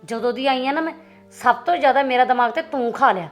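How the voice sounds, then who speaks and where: A proud, sharp-tongued young wife, played by an actress, taunting her husband in a high voice. Faint music runs under the film scene. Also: fast, natural voice. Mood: bickering. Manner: taunting, bickering. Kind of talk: short film drama.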